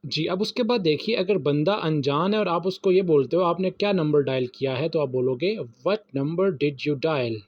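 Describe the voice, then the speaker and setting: A man with a Pakistani Urdu accent gives an English vocabulary lesson in a fairly high voice. He reads each phrase slowly and then explains it. The recording is dry and a little muffled. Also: no room sound. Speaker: English teacher. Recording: dry, slightly muffled voice-over.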